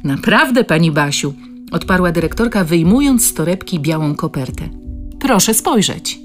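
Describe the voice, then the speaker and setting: A woman's voice: fairly low pitch, expressive, normal speed, soft background music, natural voice. A woman voicing an elegant, composed headmistress who brings reassuring news, in an audiobook. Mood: kind.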